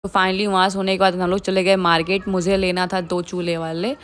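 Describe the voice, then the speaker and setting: A woman's voice: lowish voice, flat delivery, a little fast. Young woman vlogger from India, casual voice-over, chatty, laughs often.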